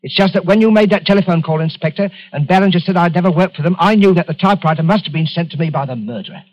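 A man's voice: high voice, very fast, lightly acted. An actor playing a meek, troubled travelling salesman accused of murder in an old radio drama, hesitant, polite and brooding. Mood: agitated, insistent. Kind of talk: 1940s radio drama acting. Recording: muffled old radio recording.

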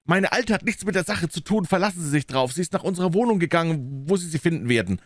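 A man's voice: on the high side, expressive, fast talker, no room sound, clean studio sound, voice pushed up. A man reading an audiobook, voicing an eager, pushy doorkeeper in a raised, insistent voice.

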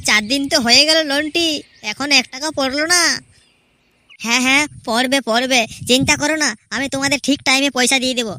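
A woman's voice: high-pitched, steady tone, quick pace, pushed and bright, no room sound. A woman voicing a stubborn, defensive young husband in a cartoon. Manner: defensive, irritated, firm.

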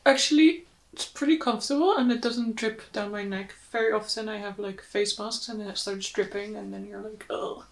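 A woman's voice: mid-range voice, fairly even intonation, brisk, vocal fry. A woman vlog co-host chatting casually and rambling a little while wearing a face mask. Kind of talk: casual chat. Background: background music.

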